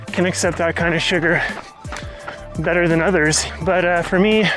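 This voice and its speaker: High-voiced man in a casual vlog. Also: steady tone, normal speed, fairly bright tone, soft background music. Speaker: vlog host. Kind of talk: casual, explanatory vlog talk. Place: outdoors on a trail.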